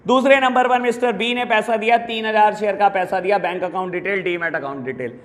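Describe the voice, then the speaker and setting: A middle-aged man with an Indian accent gives a lecture-style business studies class, mixing Hindi and English and slowly repeating key terms for his students. His voice is high and fairly bright. The room is echoey, with long reverb.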